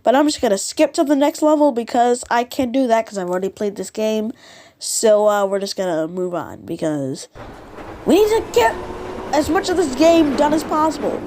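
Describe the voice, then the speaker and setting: A woman talks through her gameplay in a chatty, animated way, fixing her words as she goes. Her voice sits fairly high and bounces a lot in pitch. Loud game sound effects play under her. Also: normal speed, background noise. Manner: chatty, animated, self-correcting. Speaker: gaming video host. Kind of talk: gameplay commentary.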